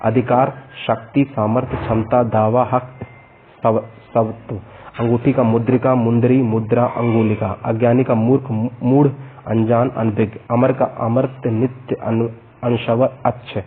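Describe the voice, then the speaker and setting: A man's voice: mid-range voice, little pitch movement, slight background noise. A man teaching a Hindi exam vocabulary lesson, reeling off synonyms and word pairs and stopping now and then to explain. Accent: Hindi, North Indian. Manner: rattles off word lists, pauses to explain. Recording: tinny narrow-band lo-fi audio.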